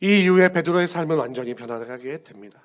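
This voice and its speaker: A male pastor preaching an earnest sermon, moving between loud appeals and hushed words. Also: on the high side, fast talker.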